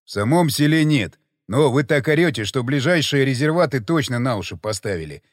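A man voicing a hoarse, gruff, irritated armed man. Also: mid-range voice, animated, brisk, dry recording, studio quality, natural voice.

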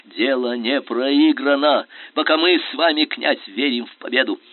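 A man's voice: on the low side, lively intonation, moderate pace, dry recording. A man voicing a passionate, defiant young general, heard over a tinny, phone-like radio line. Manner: impassioned, pleading, defiant.

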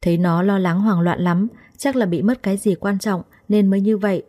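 A woman reads a first-person story aloud. Her delivery is steady and even-paced, in a warm, mellow voice at a middle pitch. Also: brisk.

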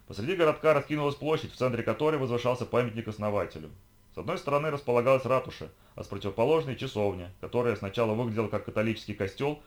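A man reading an audiobook chapter in a brisk, even storytelling manner. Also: medium pitch. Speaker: audiobook reader. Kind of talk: audiobook narration.

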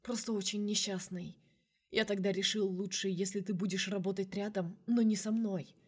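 A remorseful young man pleads softly and earnestly in an audiobook, read by a woman. His tone is tender and low-key, sitting at a middle pitch with no strain. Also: fairly even intonation, moderate pace, husky, natural voice. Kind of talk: audiobook character reading.

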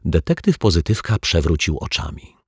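A man with a low, slightly husky voice reads a children's story aloud. His narration is expressive and moves through a wide range of pitch. The recording is dry and close to the mic. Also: normal speed, no room sound. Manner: expressive, lively reading. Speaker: audiobook narrator.

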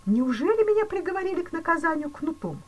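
A woman voicing a terrified male banker who pleads in shrill, panicky exclamations in a storybook reading. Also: sing-song, fast talker, dull audio. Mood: panicked.

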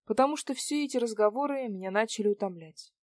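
A woman reading a novel aloud in even first-person storytelling. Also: fairly high pitch, fast talker, dry recording, studio quality. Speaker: audiobook reader. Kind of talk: scripted audiobook narration.

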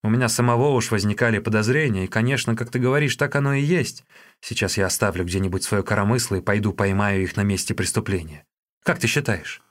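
A man voicing a meek middle-aged male bun seller who speaks softly and plaintively. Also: lowish voice, fast, close to an everyday voice.

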